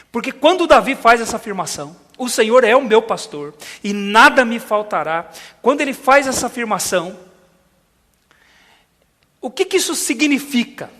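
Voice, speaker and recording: A man with a very high voice preaches a sermon, a pastor speaking to his congregation. He slows down to stress key lines and asks the listeners direct questions. His voice carries a long reverb from a large conference hall. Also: fairly bright tone.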